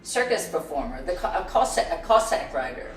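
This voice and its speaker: Low-voiced older actress, halting. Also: female voice, sing-song. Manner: warm, halting, searches for words with many restarts. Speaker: lead actress. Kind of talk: casual interview chat. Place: festival event room. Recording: echoey room, mic far off, music behind.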